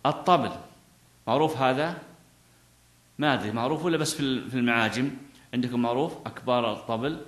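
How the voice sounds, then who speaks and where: A man's voice: medium pitch, a bit bright. A man teaching a classical Islamic law text to students, reading out passages and then explaining them with questions to the class. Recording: echoey room.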